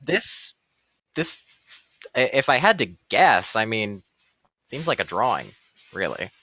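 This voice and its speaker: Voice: medium pitch, very animated, moderate pace, pushed and bright. A tabletop game player speaking in a wry, hesitant, musing way. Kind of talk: tabletop role-play.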